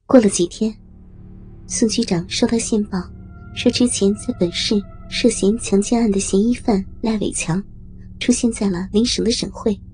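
A woman narrating an audio story with a steady, measured reading. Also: medium pitch. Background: faint music.

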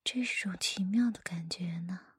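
Woman acting a teasing older sister, breathy whispered role-play right in your ear. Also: fairly low pitch, dry recording, clean studio sound. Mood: slow, sultry. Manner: slow, intimate whispering right in the listener's ear. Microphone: close microphone, dry.

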